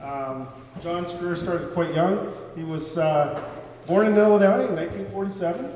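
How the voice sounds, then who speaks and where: A man with a Canadian accent introduces a guest at a live Q&A in a fairly high voice. He stumbles and repeats words, filling gaps with "uh." The sound is very echoey and distant, with clear background noise in a large hall. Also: moderate pace, darkish tone. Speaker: event host. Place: banquet hall at a car show.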